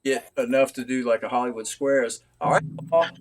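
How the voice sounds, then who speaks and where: A man's voice: mid-range voice, fairly even intonation, a little fast. A man hosting a casual live video-call stream, joking and wrangling guests. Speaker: livestream host.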